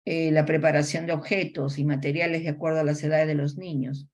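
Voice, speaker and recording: A woman lecturer with a Peruvian Spanish accent, explaining child language development in a class, often ending phrases with a questioning "no?" and pausing on fillers. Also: sits low, level tone, darkish tone, highs cut off. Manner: explanatory, tags sentences with a questioning "no?"; frequent hesitation fillers. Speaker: college lecturer.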